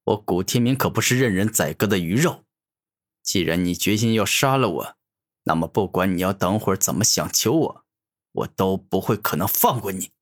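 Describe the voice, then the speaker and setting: A man's voice: sits low, expressive, moderate pace. A man doing a cocky mocking young hero. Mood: scornful. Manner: taunting, sneering.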